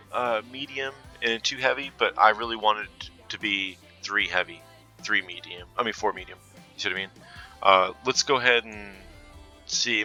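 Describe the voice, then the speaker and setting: A man casually walking through a game character build, chatty and loose, full of fillers and quick self-corrections. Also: fairly low pitch, sharp tone, rough recording. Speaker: gaming content creator.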